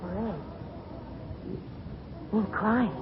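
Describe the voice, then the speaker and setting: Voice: mid-range voice, steady tone, drawn-out words, a crowd in the background. A performer playing a timid, chatty young street boy in an old radio drama, slangy and plaintive. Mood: concerned. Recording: muffled, hissy old radio recording.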